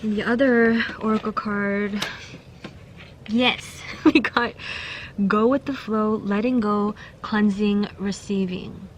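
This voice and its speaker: A woman's voice: medium pitch, steady tone, slow pace, slight background noise. A young woman giving a casual pick-a-card tarot reading, chatty and giggly, with many fillers and restarts. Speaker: tarot reader.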